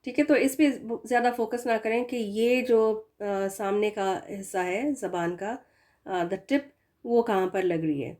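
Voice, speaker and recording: A woman teaching a recitation lesson, explaining patiently and stretching out the example words slowly. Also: medium pitch, darkish tone. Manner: patient explaining, slow drawn-out demo words. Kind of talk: tajweed lesson.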